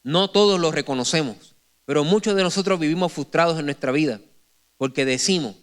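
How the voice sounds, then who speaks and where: High-voiced pastor in his forties preaching. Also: fairly quick. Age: 40s. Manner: animated, joking storyteller addressing the congregation; frequent self-corrections and restarts. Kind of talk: sermon. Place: church sanctuary before a congregation.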